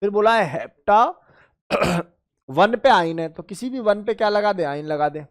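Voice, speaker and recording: A high-voiced male chemistry teacher leads a lively exam-prep lecture at a measured pace, drilling students by counting positions aloud. He calls them beta and bhai and poses questions only to answer them himself, and something of his own shows through on the technical terms.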